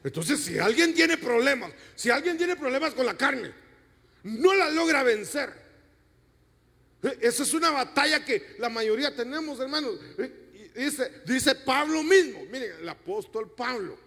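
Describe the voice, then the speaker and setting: High-voiced man preaching in a reverberant hall. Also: expressive, a little slow, vocal fry, pushed and bright. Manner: emphatic preaching, addressing the congregation with rhetorical questions. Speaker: pastor. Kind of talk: sermon. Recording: long reverb of a church hall.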